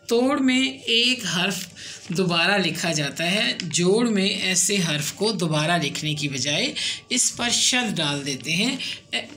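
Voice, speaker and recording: A woman teacher explaining a script lesson slowly and patiently, repeating example words for learners to follow. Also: medium pitch, fairly bright tone. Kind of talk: classroom lesson on Urdu script.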